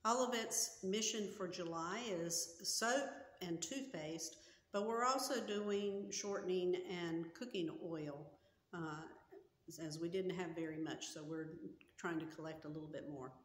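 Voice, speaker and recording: An older woman pastor in her sixties delivers a sermon in a slow, measured way. Her voice rings through a small church sanctuary with a long, hall-like reverb, picked up by a camera set just in front of her. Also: fairly low pitch. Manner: slow, earnest and measured, with gestures. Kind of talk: sermon and prayer. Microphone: camera in front at chest height.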